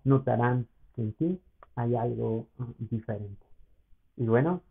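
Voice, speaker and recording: A man's voice: medium pitch, a little slow, creaky, husky. A male pastor, giving an earnest, personal sermon that often turns to address the listener. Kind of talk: sermon podcast talk. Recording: tinny phone-like sound.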